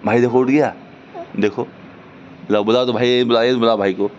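A man talks with a small child in a home video, gently prompting them with the same simple questions over and over. He's a family member with a mid-range, slightly mellow voice, fairly even intonation, and a somewhat fast pace. The recording is muffled, with noise behind him.

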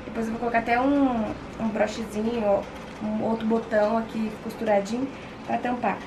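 A woman's voice: a little high, fairly even intonation, a little fast, background noise. A young woman from Brazil vlogging at home, chatting with her viewers and telling them about her day step by step on a handheld camera. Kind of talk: casual family vlog narration. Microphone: handheld vlog camera.

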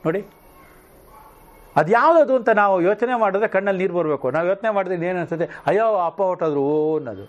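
Male scripture teacher, lively questioning delivery, fairly high voice. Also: quick pace, highs cut off. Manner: animated, often asks the listeners questions. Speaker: spiritual teacher. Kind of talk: discourse on scripture.

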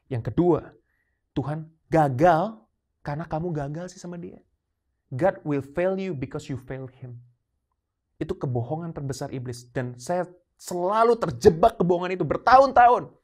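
Animated preaching man in his thirties. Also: on the high side. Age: 30s. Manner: animated, mixes English phrases into his preaching. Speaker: pastor. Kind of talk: sermon with personal storytelling.

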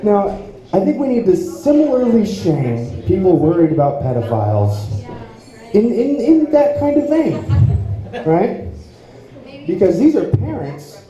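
On a small club stage, a young comedian with a high, dark-toned voice delivers a rambling, self-mocking stand-up set a little slowly, his pitch swinging hugely. His handheld mic is heard from the audience in an echoey room full of audience noise, with faint music behind.

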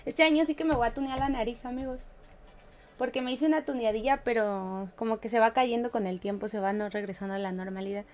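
A woman's voice: a little high, fairly even intonation, brisk, a little mellow, a little hiss or hum. A Mexican woman streamer chatting casually with her live viewers in a playful, chatty way, laughing often and humming little tunes. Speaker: game streamer.

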